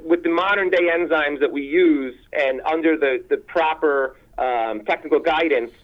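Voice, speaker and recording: A man's voice: a little high, moderate pace, fairly bright tone, lo-fi sound. A man speaking as an industry guest in an interview, hesitant with restarts. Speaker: guest from an ingredient supplier. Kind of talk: interview talk.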